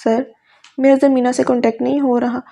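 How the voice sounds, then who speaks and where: A woman's voice: high-pitched, level tone, vocal fry, dark tone. A woman voicing a polite, worried young female student speaking to her teacher. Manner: polite, hesitant.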